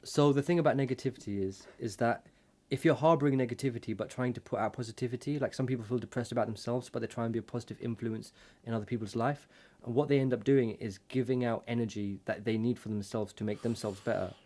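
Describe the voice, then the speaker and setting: A man in the middle of an easygoing chat over drinks, earnest and thoughtful as he works his way through a point. He rambles and restarts, circling back to refine what he means. His voice sits at an ordinary mid pitch. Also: fast talker, few pauses, a little mellow. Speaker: co-host.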